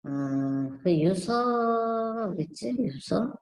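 Speaking very slowly, this woman has a medium-pitched, gravelly voice with a darkish tone and an animated delivery. As host of an online channel, she gives loose, doubtful commentary on on-screen images, often restarting and using fillers, in an echoey space.

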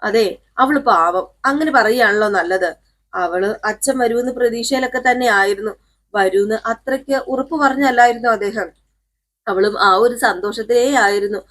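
A woman voicing a sympathetic relative who defends the bride slowly and gently. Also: a little high.

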